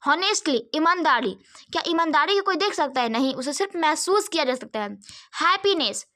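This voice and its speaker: Young Hindi-accented woman as a grammar teacher, high voice, asks and answers her own questions. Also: lively intonation, normal speed, sharp tone. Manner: repeats questions and answers them herself, frequent "theek hai". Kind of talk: online grammar lesson.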